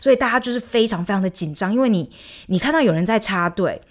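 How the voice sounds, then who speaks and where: A young woman vlogger telling a story in casual chat, animated and indignant, acting out her arguments. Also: medium pitch, quick pace.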